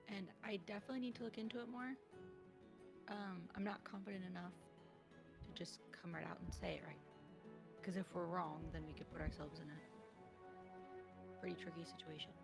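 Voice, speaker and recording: Woman at a tabletop game, gravelly fry in her voice, careful, music playing behind. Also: medium pitch. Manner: cautious, reasoning aloud. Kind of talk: casual game-night talk.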